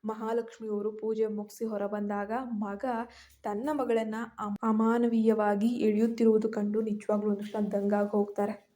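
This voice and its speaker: A woman narrating a scripted family drama story in a steady reading voice. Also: medium pitch, normal speed.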